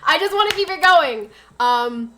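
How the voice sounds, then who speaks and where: During a casual livestream, a young woman streamer rambles through stories packed with fillers, her voice nasal and stuffy from a cold. She speaks at normal speed in a very high, animated, fairly bright voice, with slight background noise.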